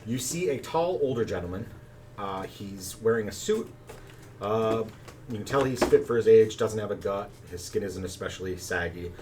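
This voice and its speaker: A relaxed game master narrating. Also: male voice, on the low side, moderate pace. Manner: relaxed, chatty narration with fillers. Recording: distant mic, faint background noise.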